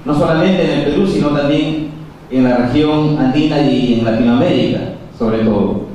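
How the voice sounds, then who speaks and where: A Peruvian man whose first language is Quechua gives a formal conference talk in a measured way, with many pauses and fillers. His voice is fairly high and warm. He's far from the mic in an echoey hall, and there's a little hiss or hum.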